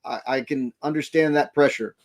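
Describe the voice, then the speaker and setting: With a mid-range voice, steady tone and moderate pace, a man from Florida in the United States chats loosely with viewers during a livestream inside his RV camper, thanking them as he goes.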